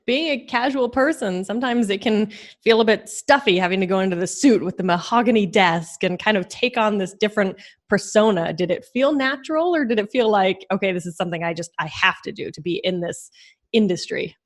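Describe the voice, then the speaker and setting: A woman's voice: mid-range voice, fairly quick. A woman hosting a podcast, asking questions in an encouraging, upbeat way. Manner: encouraging, laughs often. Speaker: podcast host. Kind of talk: interviewing.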